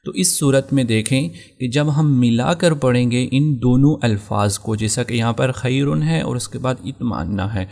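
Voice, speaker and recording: A man's voice: mid-range voice, creaky, hardly any pauses, darkish tone. A man teaching a Quran recitation rule in a patient lesson with a Pakistani Urdu accent. He goes over each rule again and spells out his examples one by one. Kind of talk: explaining tajweed rules step by step.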